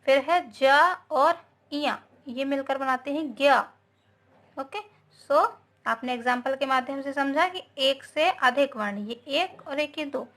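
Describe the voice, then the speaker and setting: A woman teaches grammar to young children in a slow, careful way. Her voice sits high, and she keeps checking in with little tag words as she goes, slipping English into her talk. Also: fairly bright tone. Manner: patient, repeats "okay" and "है ना", mixes English words. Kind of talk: slow, explaining Hindi grammar lesson.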